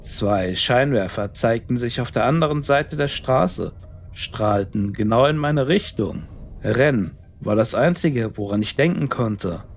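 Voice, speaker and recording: Casting: male horror narrator, creaky voice, unhurried suspenseful delivery, faint music underneath. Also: medium pitch, lively intonation. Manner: deliberate, suspenseful, dramatic delivery. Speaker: storyteller, narrator. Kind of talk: scripted first-person horror story narration.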